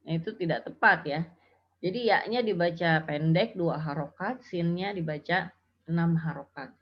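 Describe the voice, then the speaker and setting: A woman's voice: lowish voice, normal speed. A woman teaching Quran recitation rules, explaining patiently and chanting example syllables. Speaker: tajwid teacher. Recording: dull lo-fi audio.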